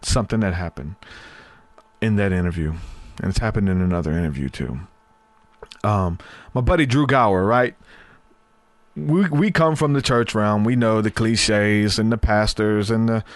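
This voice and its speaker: Rambling casually as a podcast host, this man in his thirties fills his speech with fillers and repeated words, his voice tiring after much talking. He has a lowish voice, and the recording has no room sound.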